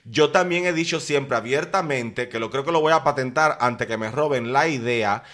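A man's voice: mid-range voice, moderate pace, fairly bright tone. A man, hosting a podcast and gossiping about a reality show in a chatty, dramatic way, full of slang. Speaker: podcast host. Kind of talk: casual gossip commentary.

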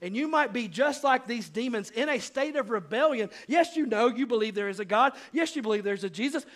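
A male pastor giving an earnest sermon, rising to loud appeals and dropping to hushed asides. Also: very high-pitched, lively intonation, brisk.

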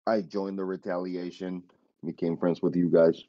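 Low-voiced man telling a heated story. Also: normal speed, dry recording, dull audio. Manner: animated retelling with quoted dialogue, swearing. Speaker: podcast guest. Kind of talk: casual storytelling chat.

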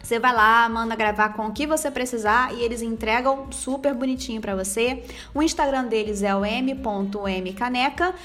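A woman's voice: on the high side, fairly bright tone. A woman hosts a casual podcast. She is chatty and playful and reads a sponsor spot, with faint music behind her. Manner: chatty, playful, quick asides. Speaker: podcast host. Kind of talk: casual podcast chat and ad read.

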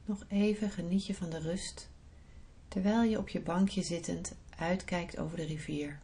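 A woman podcast host guiding a relaxation visualisation in a soft, soothing, unhurried manner. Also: lowish voice, steady tone. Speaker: podcast host, breathing therapist and yoga teacher.

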